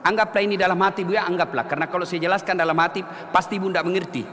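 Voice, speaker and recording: A man from Sulawesi preaching a humorous sermon, joking, shouting and chanting at times. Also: high voice, steady tone, rapid-fire, slight background noise. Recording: echoey hall, faint ambience.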